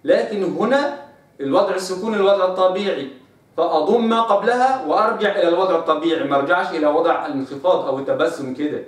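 A fairly high-voiced man with an Egyptian Arabic accent gives a patient tajweed lesson, slowly stretching out each recited example word. His voice booms around a very echoey room. He sits well back from the microphone. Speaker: Quran recitation teacher. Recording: very echoey room, speaker far from mic.

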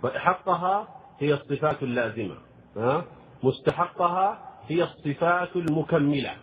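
A man teaching the rules of Quran recitation in a measured lecture, demonstrating sounds and questioning his students. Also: medium pitch. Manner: explains slowly, demonstrates pronunciation, asks students questions. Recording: tinny lo-fi phone-like recording, faint noise.

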